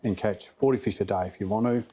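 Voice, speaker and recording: Husky and mellow, sitting on the low side, the voice moves quickly as this middle-aged Australian fly fishing guide chats on a podcast. He tells his stories casually, plain-spoken and blokey, hammering points through repetition.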